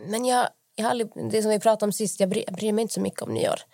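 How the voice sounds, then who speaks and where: A woman's voice: mid-range voice, fairly even intonation, creaky, warm tone, no echo. Dry-voiced young woman rambling casually. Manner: rambling storytelling with many fillers and acted-out quotes. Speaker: podcast co-host. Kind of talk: casual chat.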